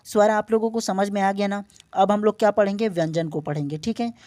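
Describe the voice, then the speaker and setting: A man's voice: high voice, steady tone, a little fast, darkish tone, dry recording. A man teaching an online exam-prep language lesson, explaining patiently, stretching out example vowel sounds and often checking in with his students. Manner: checks in often with short "okay?" tags.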